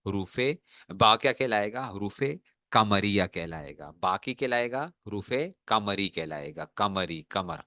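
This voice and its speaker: Man teaching a class, bright and dry. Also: fairly low pitch, lively intonation, no room sound. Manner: checks often that students understand, slow drawn-out examples. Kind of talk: classroom lesson.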